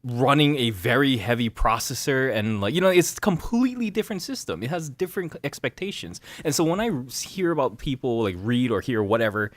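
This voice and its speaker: A young man co-hosting a casual gaming podcast, talking in an animated way, swearing and laughing often. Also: medium pitch, a little fast, hardly any pauses, no room sound. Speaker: podcast co-host.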